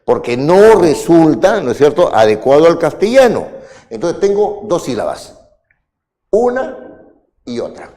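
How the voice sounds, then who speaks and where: Lively man lecturing a class. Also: on the high side, unhurried, in a large hall. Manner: questioning, checks understanding with "¿no es cierto?". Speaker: law school instructor.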